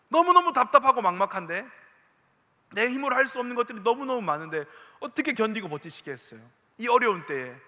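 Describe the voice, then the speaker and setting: A male pastor with a Gyeongsang accent preaching a sermon, animated and full of questions to the listeners. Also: very high-pitched. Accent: Gyeongsang dialect. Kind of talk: sermon to a youth congregation. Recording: echoey church hall reverb.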